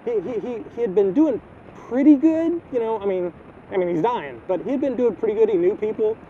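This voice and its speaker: A middle-aged man in a personal video diary, halting and repeating words, choked up with grief. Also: sits high, lively intonation, dark tone. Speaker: vlogger. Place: outdoors, filming the neighborhood. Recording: tinny phone-like audio, faint wind noise.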